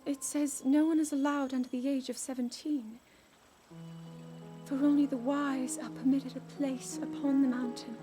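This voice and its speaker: A woman's voice: high voice, steady tone, normal speed, music in the background, close to an everyday voice. A woman playing an earnest, burdened teenage princess in a dramatic video game cutscene, with formal, emotive delivery. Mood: solemn, hopeful. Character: earnest, burdened sixteen-year-old princess, regal and yearning. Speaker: voice actor.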